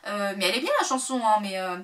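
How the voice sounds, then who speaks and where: A woman chatting casually to camera as a vlogger, full of fillers and sudden excited bursts. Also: mid-range voice, quick pace, recorded from a distance.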